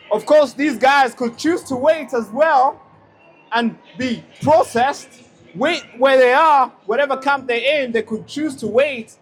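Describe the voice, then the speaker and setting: A young man born in a refugee camp in Tanzania, giving a speech outdoors at a street rally and telling a story emphatically. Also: very high-pitched. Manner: emphatic storytelling with many repeated lead-ins. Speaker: speaker at a rally.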